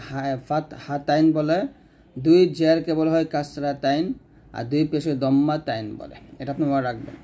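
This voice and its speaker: A man teaching Quran reading step by step, asking and answering his own questions and slowing down to model each letter sound. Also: on the high side, dark tone. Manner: repeats key terms, asks and answers own questions. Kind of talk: step-by-step lesson.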